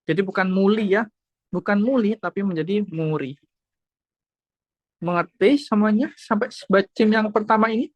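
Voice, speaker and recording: A woman's voice: medium pitch, brisk, dry recording, highs cut off. Woman teacher, patient, repetitive, dry close video-call sound. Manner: patient, repeats points and checks understanding. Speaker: Korean language teacher. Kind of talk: online class lesson.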